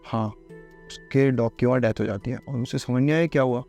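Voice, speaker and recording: Guy telling a creepy story casual, mellow voice, faint music underneath. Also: medium pitch, steady tone, a little fast, gravelly. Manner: chatty, addresses listener as bhai. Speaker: horror storyteller.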